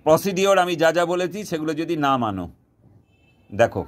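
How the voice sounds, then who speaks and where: A man with a fairly high voice records a casual instructional vlog outdoors. He repeats himself insistently, drives each point home, and drifts into broken Hindi. He talks straight to his viewers while showing them how he makes his bait. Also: sing-song, a little fast. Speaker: fishing bait maker teaching viewers. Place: outdoors, sky darkening before rain.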